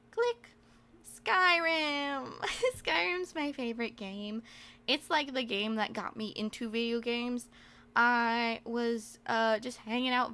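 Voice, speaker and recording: A woman's voice: on the high side, fairly bright tone. A young woman chatting casually on a livestream in a cute, playful anime-streamer manner, giggly and rambling, with some self-deprecation. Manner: giggly, laughs often while talking. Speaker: streamer introducing herself on a debut stream.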